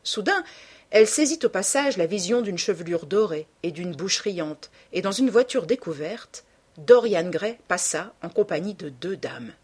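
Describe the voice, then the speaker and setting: A woman narrating a classic novel as an audiobook, reading in a measured, expressive way. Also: lowish voice, husky.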